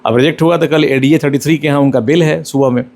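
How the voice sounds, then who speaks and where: A middle-aged male lawyer answering interview questions, explaining step by step in a measured way and mixing in English legal terms. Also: fairly high pitch, steady tone, gravelly, a little mellow.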